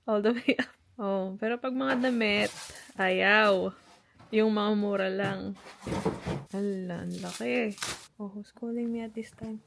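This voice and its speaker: A woman's voice: mid-range voice, fairly even intonation, measured pace, vocal fry, long pauses, background noise. A woman in her thirties with a Filipino accent, chatting casually on her home vlog while lying down. She talks chattily, switches languages mid-sentence and laughs often. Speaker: vlogger and channel host.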